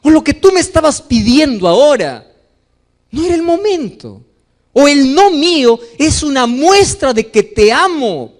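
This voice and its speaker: High-voiced, animated male pastor preaching. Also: measured pace. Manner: animated preaching, acting out pleading voices and questions to the congregation. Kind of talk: sermon.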